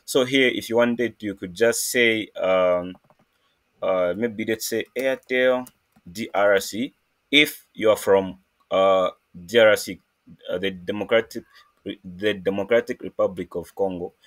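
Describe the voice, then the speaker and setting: A man from Zambia hosting a casual screen-recorded coding tutorial, talking in a halting way with many fillers and restarts. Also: fairly low pitch, a bit bright. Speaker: programming tutorial host.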